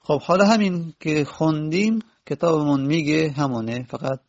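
A man teaching a grammar lesson, repeating word forms slowly and correcting himself as he goes. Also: fairly high pitch, dull audio.

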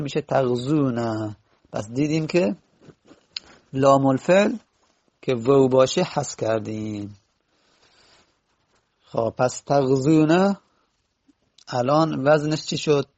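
Gravelly man teaching grammar. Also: mid-range voice, darkish tone, highs cut off. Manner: repeats word forms slowly, corrects himself. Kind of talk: spoken grammar lesson.

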